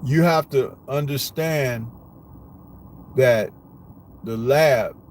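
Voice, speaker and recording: A man's voice: mid-range voice, extremely slow, a little mellow. A man hosting a live boxing commentary stream, blunt and rambling, with lots of rhetorical questions. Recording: noisy live stream with street and car noise.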